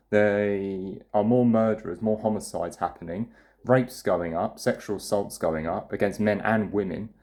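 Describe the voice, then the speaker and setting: A young man talks straight to camera in a loose, rambling rant, full of swearing and false starts. His voice sits a little low, and he keeps a plain, blunt, opinionated tone as he circles through his points. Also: mellow. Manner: blunt, profane, rambling with restarts. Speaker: vlogger. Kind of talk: casual ranting monologue.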